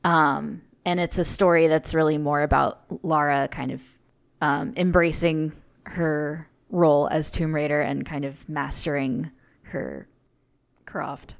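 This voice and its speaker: A woman's voice: deep voice, level tone, measured pace, vocal fry. A woman chatting casually as a podcast guest, talking with lots of fillers and laughs. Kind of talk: casual chat.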